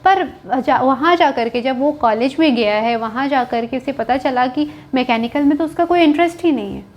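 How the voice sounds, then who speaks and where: A woman's voice: high-pitched, normal speed. A young woman talking casually and candidly to students, mixing in English words and often checking in with "right?". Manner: candid, chatty, mixes English words into speech, keeps asking "right?". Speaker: coding educator on a video channel. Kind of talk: casual advice talk to students.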